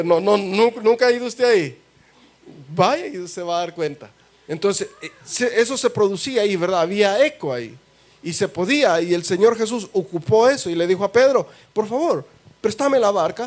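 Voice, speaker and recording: A man with a Salvadoran Spanish accent preaching a sermon in a church, folksy and joking as he tells the story. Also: on the high side. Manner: folksy, joking asides with laughter. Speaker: pastor.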